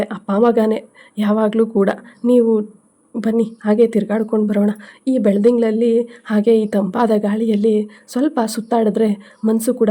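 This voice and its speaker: A woman's voice: medium pitch, dark tone, lightly acted. A woman voicing a caring young man who speaks in a soothing, coaxing way. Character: gentle young man, caring son-in-law.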